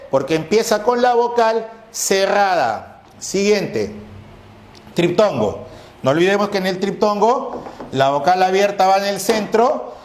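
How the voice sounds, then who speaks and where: Male teacher, slow delivery, answers his own questions, roomy echo. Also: high voice, a little mellow. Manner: poses questions and answers them himself; spells out syllables slowly. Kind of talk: grammar lesson.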